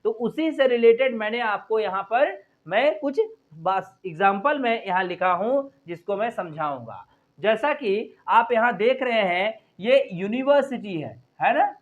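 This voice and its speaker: A man's voice: high voice, expressive, unhurried. A man teaching English grammar in Hindi at a board, earnest and repetitive, often calling the viewer "my friend" and spelling words out letter by letter. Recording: dull lo-fi recording.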